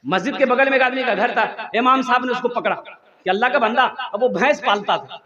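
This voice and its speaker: A man's voice: very high voice, fairly quick, bright, forceful tone. A male Islamic preacher telling humorous stories in a sermon, singing refrains and prompting the crowd to answer. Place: religious gathering. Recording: echoey, dull lo-fi PA sound.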